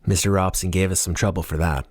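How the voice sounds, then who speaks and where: In a fast, steady tone, a low-voiced man reads a novel told in the first person. The audio is dry and echo-free, like an audiobook.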